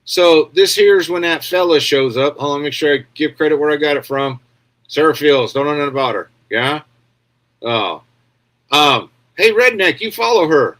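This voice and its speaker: Male host, slightly high voice, crude sarcastic rambling commentary, keeps asking "yeah?". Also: expressive, normal speed, fairly bright tone. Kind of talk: casual commentary on clips.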